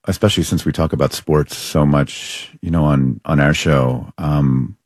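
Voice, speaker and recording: Very deep-voiced male host. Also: a little slow. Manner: gentle, searching questions with hesitations. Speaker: podcast host. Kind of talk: interview questions.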